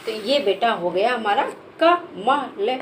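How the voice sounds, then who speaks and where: A woman teacher, spelling out words letter by letter in a slow, patient lesson for children. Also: a little high, lively intonation, a little hiss or hum, poor audio. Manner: patient, spells letters one by one, calls listeners "beta".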